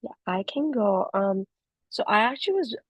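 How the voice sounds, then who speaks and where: A young woman who grew up in the Philippines, answering as a panelist in a casual, halting way with many fillers. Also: a little high, sing-song, husky, dry recording, lo-fi sound. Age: young adult. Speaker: panelist, recent graduate.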